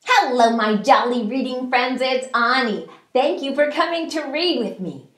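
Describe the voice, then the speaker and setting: A middle-aged woman reading aloud to young children in an expressive storytime voice, as a children's host. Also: high voice, a little slow, dry recording.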